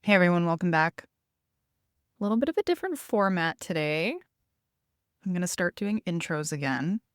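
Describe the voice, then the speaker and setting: A woman's voice: fairly low pitch, expressive, moderate pace, clean tone, no room sound. A woman podcast host chatting casually in a solo intro, recorded inside a small RV trailer.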